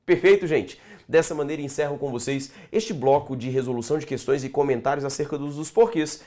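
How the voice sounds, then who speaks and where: A man with a Brazilian accent teaching a recorded grammar lesson, asking students questions and answering them himself, and slowing down to stress key words. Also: a little high, mellow. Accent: Brazilian Portuguese. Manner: addresses viewers as "gente".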